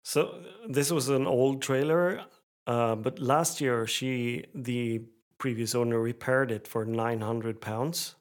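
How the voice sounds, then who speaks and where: A man's voice: mid-range voice, steady tone, slow. A man co-hosting a podcast, telling a rambling story and acting out phone calls in a raised voice. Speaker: podcast co-host. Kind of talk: casual chat.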